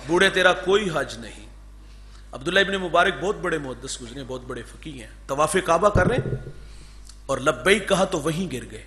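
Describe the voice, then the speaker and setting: A man preaching an Urdu sermon, moving between loud fervor and hushed storytelling. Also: fairly high pitch, animated. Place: mosque gathering, over a sound system.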